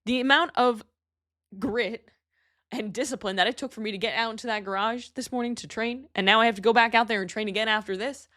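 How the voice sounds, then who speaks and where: A woman's voice: a little high, brisk, bright, forceful tone. A young adult woman hosting a solo motivational podcast, talking emphatically and bluntly with casual swearing. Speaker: podcast host and fitness coach.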